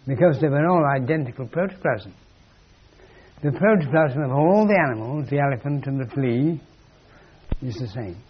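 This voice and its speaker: A man's voice: medium pitch, expressive, normal speed, slight background noise. A man giving a philosophical lecture in a wry, emphatic way, on a dull lo-fi recording. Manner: wry, emphatic, acts out quoted voices.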